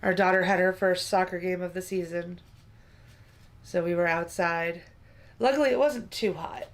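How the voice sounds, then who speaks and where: A woman's voice: fairly low pitch, normal speed. A woman, tired and yawning, chatting dryly and teasingly with her co-host. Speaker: livestream co-host. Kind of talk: casual chat.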